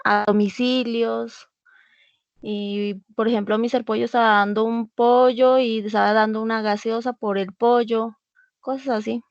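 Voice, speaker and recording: Woman student, slow and unsure, high voice, lo-fi distant call audio. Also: level tone, no room sound. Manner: hesitant, searching for words. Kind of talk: answering in class.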